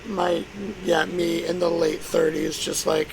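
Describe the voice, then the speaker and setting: A man's voice: a little high, monotone, a little slow, creaky, a loud crowd. A man in his late thirties joking and swearing in casual voice chat during a game. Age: 30s. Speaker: game player. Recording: noisy voice-chat audio.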